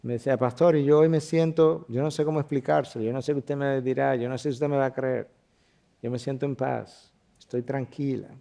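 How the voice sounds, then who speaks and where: A man, a pastor teaching a Bible class, who swings from loud, lifted declarations to hushed lines and acts out the people in the passages he reads. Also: mid-range voice, fairly even intonation, fast, vocal fry, hardly any pauses. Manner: expository preaching with dramatic swings from loud to hushed; voices the Bible characters he quotes.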